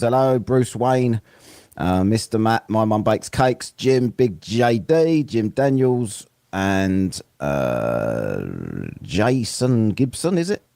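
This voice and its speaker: A man's voice: on the low side, warm tone, dry recording, clean studio sound. Chatty man hosting a livestream. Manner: chatty, greets chat viewers one by one. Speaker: livestream host reacting to a debate video. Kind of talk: casual live-stream commentary.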